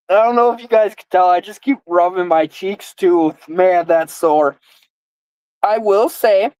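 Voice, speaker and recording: Slow-talking young woman, slurred by a mouth guard. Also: medium pitch, a little mellow, clear, resonant tone, dry recording, rough recording. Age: 20s. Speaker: live stream host. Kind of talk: casual live game-show chat.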